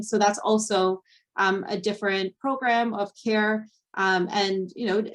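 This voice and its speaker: Woman presenting a slide webinar, lots of ums. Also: medium pitch. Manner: explanatory, many ums and fillers. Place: Ontario.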